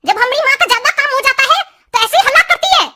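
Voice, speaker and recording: A woman's voice: very high-pitched, lively intonation, fast talker, pushed and bright, full character voice. A woman voicing a bossy, scolding mother-in-law in a cartoon, nagging and taunting. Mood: angry.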